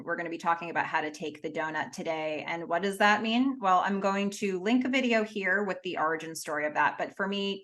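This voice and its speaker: A woman with a lowish, slightly bright voice hosts an interview as a motivational keynote speaker. She comes across as enthusiastic and upbeat.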